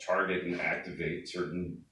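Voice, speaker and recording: A man's voice: deep voice, level tone, normal speed. A man interviewing, mostly giving short affirmations. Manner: frequent brief affirmations. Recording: echoey room, distant mic, background noise.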